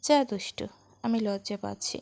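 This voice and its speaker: A woman voicing a cheeky young man who mocks and teases his friend in a playful, gravelly voice. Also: very high voice, fairly even intonation, moderate pace, dark tone, no echo. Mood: mock coy. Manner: mocking, playful, teasing. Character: cheeky, teasing young man, brother-in-law.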